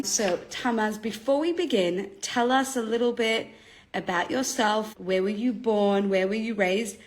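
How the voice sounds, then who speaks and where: A woman's voice: mid-range voice, a bit bright. A woman from Australia hosting a podcast, chatty and enthusiastic as she introduces and questions her guest. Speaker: podcast host.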